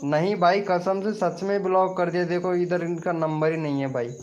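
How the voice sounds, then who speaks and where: A man hosts a casual live stream, bantering and teasing his viewers in a rather high voice. He keeps up a steady, chatty flow. The audio is dull and lo-fi. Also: moderate pace.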